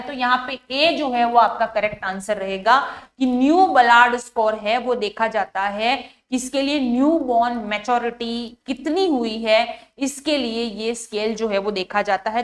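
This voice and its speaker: A woman's voice: on the high side, fairly bright tone. A woman with a Rajasthani Hindi accent giving an exam-prep lecture as a nursing tutor, explaining step by step and often asking students to answer, with many fillers.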